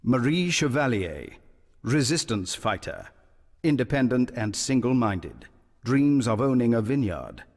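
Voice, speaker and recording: A male actor voices a grim announcer for a war-horror video game, reading scripted character profiles and mission briefings slowly, gravely, and ominously. His mid-range voice moves through big pitch swings.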